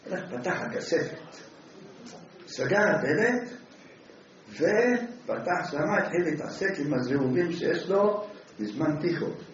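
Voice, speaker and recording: Male preacher with a slightly high voice, telling a story in a very echoey hall, off-mic. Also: recorded from a distance, muffled recording. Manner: animated, acts out the characters' voices. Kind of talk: sermon storytelling.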